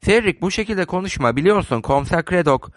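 A dutiful woman of the house, earnest and easily flustered, voiced by a male reader. Slightly raised pitch, dry and close, in an audiobook. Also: lively intonation, a little fast, no echo.

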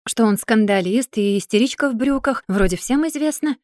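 A woman's voice: a little high, animated, moderate pace, a little mellow, no echo, studio quality, close to an everyday voice. A woman voicing a cheerful, crafty old witch who talks in a folksy, grandmotherly way. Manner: folksy, chatty, bursts into indignation.

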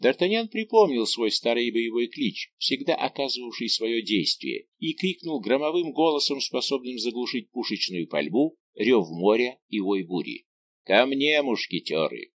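A man's voice: medium pitch, moderate pace, few pauses. A man narrating an adventure novel as an audiobook, telling it in a dramatic, vivid way. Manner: expressive, vivid storytelling.

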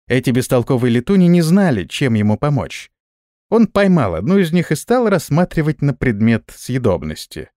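A man reading a fantasy audiobook aloud in an expressive, scripted narration. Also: mid-range voice, no room sound, clean studio sound.

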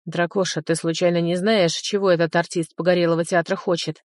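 A woman's voice: fairly low pitch, level tone, a little fast, dry recording, studio quality, close to an everyday voice. A woman reading a sardonic male hero. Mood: dry. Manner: curt, sarcastic, coarse.

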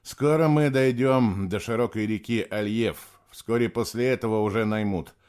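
A male narrator voicing a calm, cunning young male prisoner who speaks steadily and turns to urgent commands. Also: moderate pace, clean tone, lightly acted. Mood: quiet, serious. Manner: steady, low-voiced, then urgent commands. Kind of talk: audiobook character voice.

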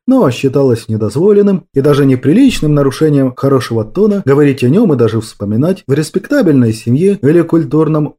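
A man giving measured, scripted audiobook narration. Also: a little high, dark tone. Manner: measured, storytelling.

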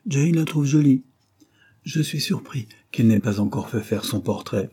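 A man voicing a tired, patient father with a dry humor in an audiobook, speaking calmly and gently wry. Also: medium pitch, normal speed, husky, pitched above the performer's own voice.

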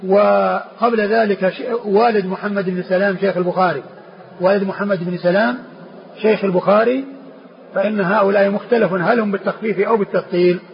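A high-voiced man teaching as a sheikh, working slowly through a classical text. He repeats phrases and restarts words as he explains. The recording is dull and lo-fi, with a faint hiss behind him. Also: steady tone.

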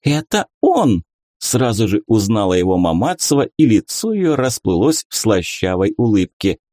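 A man narrating an audiobook in an expressive way. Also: on the low side, normal speed, dry recording, clean studio sound.

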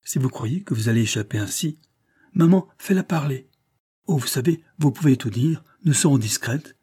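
A man's voice: medium pitch, lively intonation, moderate pace, warm tone, breathy edge, voice pushed up. A man reading aloud voices a talkative, impertinent rich young woman about to be married, in a lifted, teasing tone.

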